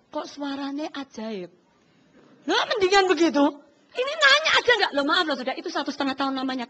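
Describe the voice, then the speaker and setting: A woman pastor preaches with lots of energy, calling out to her congregation. Her voice sits high and rings bright. She acts out little voices to make her point. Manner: animated, addresses congregation often, acts out voices. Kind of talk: sermon.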